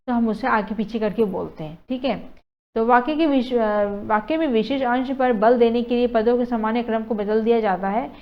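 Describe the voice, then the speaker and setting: A woman teacher, explaining a lesson in a chatty way, often checking "okay" with students and mixing in English words. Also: a little high. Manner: chatty, mixes in English words, frequent "theek hai" checks. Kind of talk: casual classroom explanation. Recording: dull lo-fi sound.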